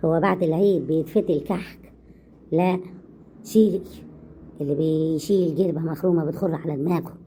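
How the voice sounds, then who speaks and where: A woman's voice: low-pitched, fairly even intonation, dark tone, a little hiss or hum, pitched below the performer's own voice, lightly acted. A woman doing a scolding Egyptian mother-in-law. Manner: scolding, mocking, rapid. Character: sharp-tongued older mother-in-law, scolding.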